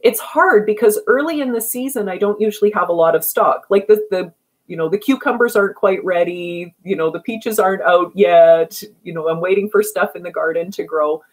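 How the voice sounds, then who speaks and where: A woman guest in a casual interview, telling stories in a chatty, animated way and laughing often. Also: on the low side, fairly quick, rough recording. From Canada.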